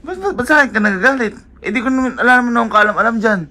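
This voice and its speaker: A man's voice: extremely high pitch, rapid-fire, pushed and bright. A young man chatting casually in a couple vlog, laughing a lot and teasing while playing innocent. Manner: laughing, teasing and playfully defensive. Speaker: vlogger.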